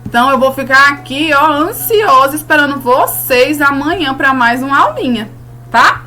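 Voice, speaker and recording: A Brazilian woman teaching an online class to young schoolchildren, patient and warm with tag questions and diminutives. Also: high voice, lively intonation, moderate pace, faint music behind. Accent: Brazilian Portuguese.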